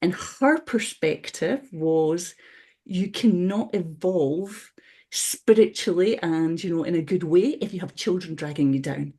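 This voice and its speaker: On a webinar panel, a woman from Scotland chats casually and reflectively, frequently restarting her sentences and saying "you know." Her voice is lowish, mellow and unhurried, with a breathy edge.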